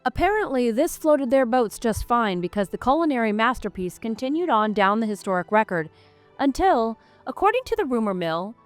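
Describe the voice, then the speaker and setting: A woman's voice: a little high, clear, resonant tone, no echo. A woman reading a scripted narration with wry, playful asides.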